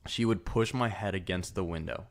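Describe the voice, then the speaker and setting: Low-voiced young man, easygoing. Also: fairly quick. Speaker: podcast co-host. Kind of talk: casual chat.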